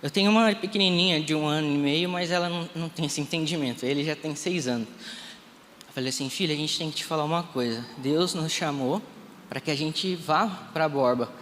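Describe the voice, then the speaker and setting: A man in his thirties, a Brazilian pastor, tells a heartfelt testimony at a live service and voices each exchange he recalls. His voice sits a bit high for a man. It rings out through a reverberant sanctuary over faint room noise. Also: a little fast, a bit bright. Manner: emotional storytelling, re-enacting dialogue. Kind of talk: live church testimony sermon. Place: church sanctuary.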